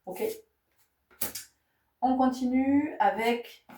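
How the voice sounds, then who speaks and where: Her voice is high-pitched and dark in tone, and she draws out her words as she offers spiritual tarot guidance. Rhetorical questions, repeated phrases, and frequent check-ins with listeners mark the talk, captured on a distant mic in an echoey room.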